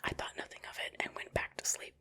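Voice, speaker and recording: Female ASMR host, crisp bright whisper, casual chatty reactions throughout. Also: fast, low-quality recording. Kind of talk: whispered ASMR reading and chat.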